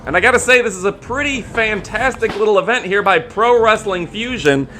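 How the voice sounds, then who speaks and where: A man's voice: high voice, fairly quick, background noise. A man commentating on lucha libre wrestling as a hyped, promotional announcer calling the moves play by play.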